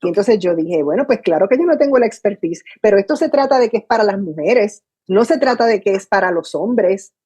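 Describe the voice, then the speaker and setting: Older woman, puerto rican accent, dark husky voice, animated storytelling, video call. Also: medium pitch, a little fast, few pauses. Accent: Puerto Rican Spanish. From Puerto Rico. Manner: animated storyteller, acts out her own past dialogue. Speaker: radio announcer guest. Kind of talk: storytelling interview. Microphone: video call from home.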